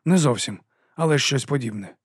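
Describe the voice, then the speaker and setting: A man doing a calm young monk. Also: mid-range voice, a little fast, breathy edge, no room sound, studio quality. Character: calm young male monk, quietly confident.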